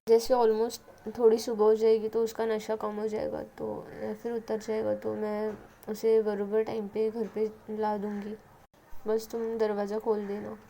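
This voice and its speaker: Caring young woman, gentle, pleading, reassuring, even tone, voiced by a woman narrator. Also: medium pitch, measured pace, creaky, slight background noise, rough recording.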